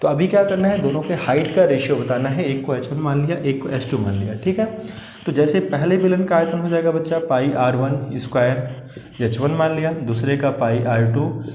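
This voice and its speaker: A man's voice: on the high side, moderate pace, mellow, reverberant, a little hiss or hum. A male maths teacher taking exam students through volume problems step by step. He often asks a question and then answers it himself, and keeps calling his students "children". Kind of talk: exam-prep maths lesson.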